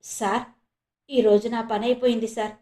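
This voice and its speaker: A woman's voice: a little high, flat delivery, moderate pace, mellow, close to an everyday voice. A woman voicing a frightened, worn-out male snake charmer in a storybook reading, speaking weakly. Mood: weary. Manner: weak, shaken. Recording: roomy echo.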